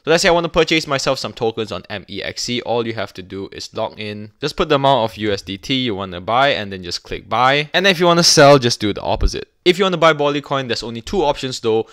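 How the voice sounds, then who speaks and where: A man's voice: mid-range voice, lively intonation, fast, few pauses, fairly bright tone. A young man hosting a screen-share crypto review from a small room at home, talking viewers through websites step by step in a hyped, promotional way.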